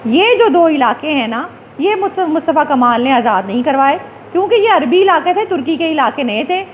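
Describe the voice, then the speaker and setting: A high-voiced woman teaching a class. She explains English words slowly and restarts often, filling pauses with hesitations. A faint hiss sits under the recording. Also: lively intonation. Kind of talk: classroom lecture explaining a text.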